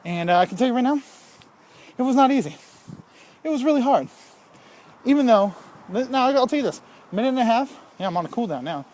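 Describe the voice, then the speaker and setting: A man with a high voice talks to his camera while out on a walk, rambling candidly and filling pauses with ums. He sounds a little out of breath. Faint noise sits behind him. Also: lively intonation, a little mellow. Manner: rambling, candid, with many fillers. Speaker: fitness vlogger. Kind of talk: casual talk while walking. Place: outdoors on a walk.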